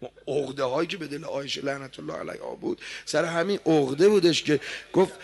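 A man preaching a sermon, telling a story dramatically and swinging from hushed tones to loud declaiming. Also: fairly high pitch, gravelly, breathy edge.

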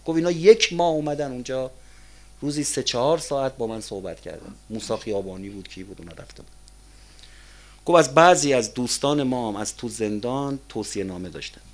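A man giving a sermon, rising to loud emphatic peaks and dropping to quiet asides, reciting verse slowly. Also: animated. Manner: emphatic, rises to loud peaks then drops to low asides. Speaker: cleric preacher.

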